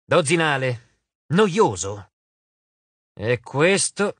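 A man's voice: a little high, big pitch swings, drawn-out words, fairly bright tone, dry recording, heavily acted. A man voicing a vain, lordly male god of wine in an audiobook, drawling and dismissive. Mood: drawling, bored. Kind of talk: audiobook character voice.

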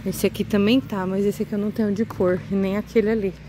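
A woman's voice: mid-range voice, flat delivery, quick pace. Woman vlogger, chatty and eager, handheld phone outside, faint street noise. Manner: chatty, eagerly addresses viewers. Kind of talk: casual vlog walkthrough. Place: outdoors on a residential street.

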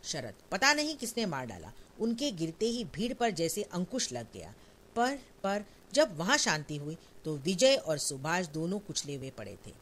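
A man's voice: a little high, sing-song, normal speed, a bit bright, a little hiss or hum. A reader doing a wounded, solemn man. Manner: firm, solemn speeches.

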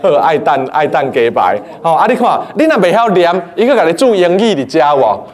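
High-voiced playful male teacher. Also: brisk. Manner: lively, playful, quizzing the class. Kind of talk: lecture to a class. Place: classroom.

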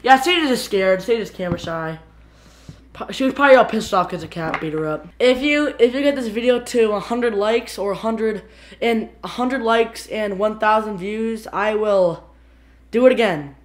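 A woman hosting a casual home vlog, excitable and rambling, dropping 'frick' and 'bro' constantly as she moves around her kitchen. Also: medium pitch, normal speed. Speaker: channel host. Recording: echoey room.

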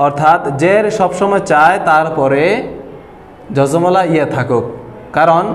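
A man teaching a whiteboard lesson on Quran pronunciation, explaining slowly and patiently and drawing out the example sounds. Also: fairly high pitch. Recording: echoey room with long reverb and faint noise.

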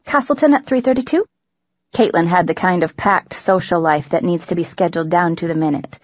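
A woman narrating an audiobook in the first person, in a wry, deadpan manner. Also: lowish voice, a little fast, no echo, highs cut off. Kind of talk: scripted narration.

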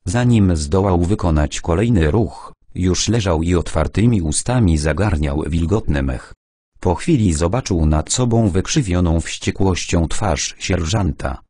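A man reading a war novel aloud as an audiobook narrator, with dramatic, expressive delivery. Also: deep voice, measured pace, breathy edge, dry recording, studio quality.

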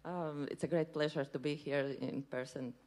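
A woman in her thirties from Latvia, speaking as a panelist on a conference stage into a handheld mic, polite and measured with some hesitations. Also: low voice, steady tone, a little mellow. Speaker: panelist, circular economy expert. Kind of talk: panel remarks.

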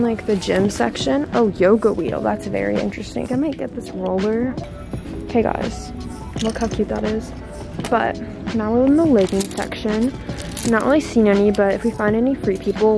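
A young woman chatting casually to camera in a vlog, filling her talk with "like", recorded on a handheld phone. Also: a little high. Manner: chatty, constant "like" fillers. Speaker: vlogger.

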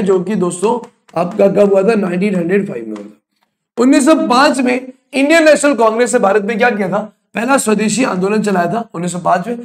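Male exam-prep teacher with a high-pitched voice, blunt, answers his own quiz questions. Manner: blunt, scolding students. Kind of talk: online exam coaching lecture.

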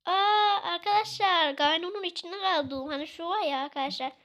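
Very high-voiced excitable woman gamer. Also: normal speed, dull audio. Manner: excitable, chatty, exclaiming, scolding the game aloud. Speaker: gaming video creator. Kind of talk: let's-play commentary to viewers.

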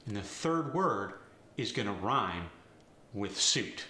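A middle-aged man presenting a scripted lesson to camera in a deliberate, emphatic teaching manner. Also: on the low side, sing-song, sharp tone. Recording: roomy echo, faint background noise.

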